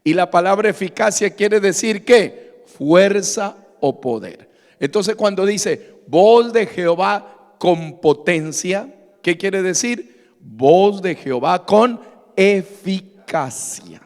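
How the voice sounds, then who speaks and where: A man's voice: high-pitched, lively intonation, slow pace. A male pastor giving a sermon in call-and-response style, putting questions to the congregation and then answering them himself. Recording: long hall reverb.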